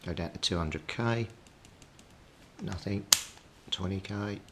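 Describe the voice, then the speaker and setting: A British hobbyist host with a low-pitched voice takes his time as he works through an electronics repair, explaining the practical steps in order. Background noise can be heard.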